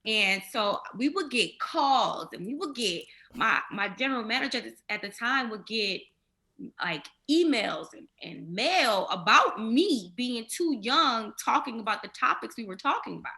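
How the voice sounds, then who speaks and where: A former radio host, a woman, tells her story in a bright, higher-pitched, youthful voice. She is hoarse from a cold, and she livens up her stories by acting out what people said. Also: normal speed. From Minnesota. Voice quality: youthful-sounding voice. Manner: animated storyteller, acts out quotes. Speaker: guest, former radio personality. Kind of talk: casual interview conversation.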